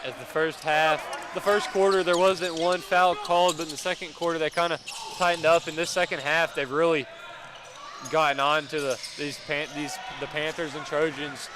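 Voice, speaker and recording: A young man calling live high school basketball play-by-play, with quick calls that rise when big plays happen. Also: little pitch movement. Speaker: play-by-play commentator. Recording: noisy gym ambience. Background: gym crowd and bouncing basketballs.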